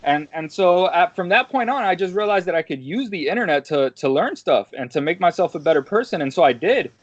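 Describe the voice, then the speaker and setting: A man's voice: high-pitched, animated, brisk, dry recording. A man in his twenties talking casually on a podcast, rambling and checking in with "right?" and dropping the odd swear word. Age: 20s. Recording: dull, dry lo-fi audio.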